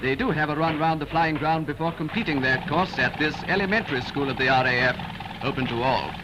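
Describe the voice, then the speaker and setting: A British man with a fairly high voice delivers scripted 1930s newsreel narration quickly, in a grandiose, declamatory and rousing style. The sound is very noisy, taken from an old film soundtrack on VHS with loud newsreel music behind him.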